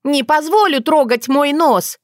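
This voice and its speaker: A woman putting on a shrill, indignant village girl. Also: very animated, unhurried, dry recording, clean studio sound. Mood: outraged. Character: brash jealous young village girl. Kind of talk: audiobook character voice.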